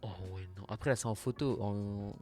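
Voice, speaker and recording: A man's voice: fairly low pitch, moderate pace, warm tone, faint music behind. Slangy young man reacting with exasperation. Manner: slangy, exasperated, mumbles asides. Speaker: reaction video host. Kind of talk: casual reaction commentary.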